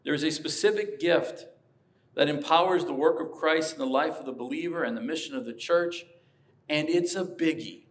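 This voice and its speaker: A man's voice: fairly high pitch, normal speed. A man preaching a sermon as a pastor, earnest and emphatic, rising to passionate peaks. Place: church sanctuary.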